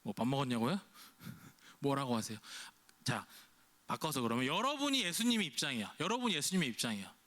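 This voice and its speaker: At a youth service, a pastor with a medium-pitched, bright, forceful voice preaches conversationally, very animated and fairly quick. He keeps throwing questions at the congregation and voices imagined speech as if in character.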